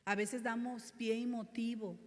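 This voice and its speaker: A woman's voice: on the high side, flat delivery, a little slow, a little mellow. A woman pastor preaching a sermon, calling out to her congregation and reading scripture aloud with dramatic emphasis. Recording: long reverb of a church hall.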